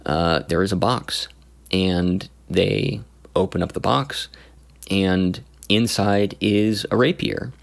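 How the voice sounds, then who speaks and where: A man recounting his tabletop campaign as game master, in a casual, halting way with many pauses and restarts. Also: low voice, creaky. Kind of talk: casual story recap.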